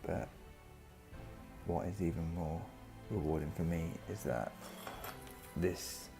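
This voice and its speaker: A man giving a reflective, personal vlog monologue, speaking earnestly in short, halting phrases. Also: low-pitched, fairly even intonation, creaky. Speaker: vlogger. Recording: music behind the voice.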